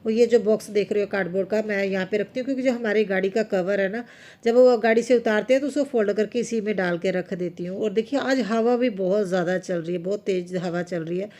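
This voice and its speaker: A homemaker in her thirties narrates her day in a chatty, rambling vlog voice-over. Her Hindi carries a Punjabi-influenced accent. Her pitch sits in a mid range, and she piles up asides as she goes. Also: fast, mellow. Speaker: homemaker vlogger.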